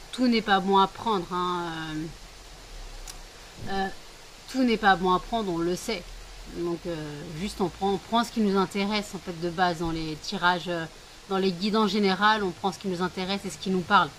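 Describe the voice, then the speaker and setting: A woman's voice: fairly high pitch, a bit bright, a little hiss or hum, rough recording. A middle-aged woman vlogging casually from home, chatting to viewers and cooing baby talk to her scared pets while rain is heard outside.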